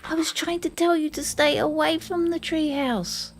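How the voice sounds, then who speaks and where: A woman's voice: high-pitched, normal speed, soft background music, voice pushed up. An older woman voicing a young boy who calls out urgent warnings. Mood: frantic. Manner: urgent, calling out.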